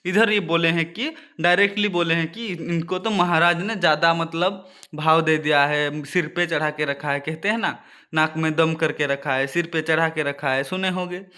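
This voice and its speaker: A man's voice: on the high side, steady tone, moderate pace, pushed and bright. A male teacher reading a children's story aloud and explaining the meanings of words, often addressing the children directly.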